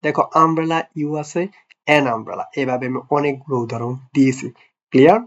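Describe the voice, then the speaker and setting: A man teaching a grammar lesson to young pupils, often asking "clear?" and quizzing them with playful, affectionate words. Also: mid-range voice, fast. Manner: repeats "clear?" and quizzes the listener; affectionate, teasing address to pupils. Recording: dull lo-fi recording.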